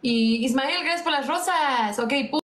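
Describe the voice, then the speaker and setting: A woman's voice: sits high, a little slow, fairly bright tone. A young Mexican woman streaming casually, venting to viewers and coaxing them for gifts. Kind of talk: casual livestream chat. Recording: echoey room.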